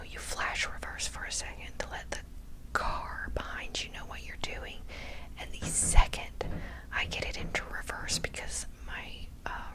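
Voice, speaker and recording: A woman telling a personal story for ASMR in a breathy, unvoiced whisper, hushed and deliberate, dwelling on key words for suspense. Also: poor audio. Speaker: storyteller, ASMR channel host.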